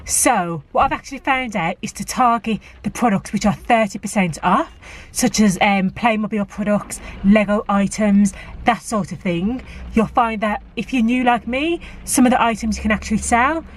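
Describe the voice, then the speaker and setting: A woman's voice: medium pitch, normal speed, a little hiss or hum. A woman in a casual vlog, chatting to camera and giving practical tips with plenty of fillers. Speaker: vlogger. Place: car park outside a shop, rainy.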